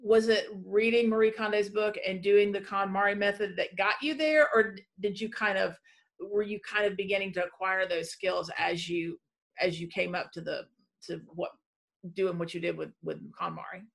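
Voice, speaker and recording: A woman's voice: medium pitch, fairly even intonation, normal speed, gravelly. A woman hosting an interview podcast, upbeat and enthusiastic, often restarting her questions. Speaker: podcast host. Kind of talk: casual interview chat.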